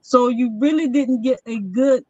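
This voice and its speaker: A woman's voice: fairly high pitch, dark tone. A woman with a thick Southern accent, an author talking casually in an interview, hesitant with many ums. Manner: halting, hesitant with frequent ums. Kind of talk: casual interview, reading an excerpt aloud. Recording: dry, dull lo-fi sound.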